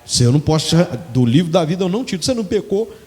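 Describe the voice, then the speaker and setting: A man doing God, low and hushed. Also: moderate pace, lightly acted. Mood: confiding. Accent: Brazilian Portuguese. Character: God as a stern yet fond male deity.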